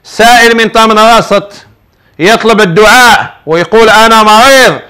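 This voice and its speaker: A man's voice: high voice, moderate pace, pushed and bright, clear, resonant tone. A middle-aged man speaking with an Algerian Arabic accent, a sheikh hosting a religious advice show, preaching in an emphatic, repetitive, colloquial storytelling manner. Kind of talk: preaching, answering viewer questions.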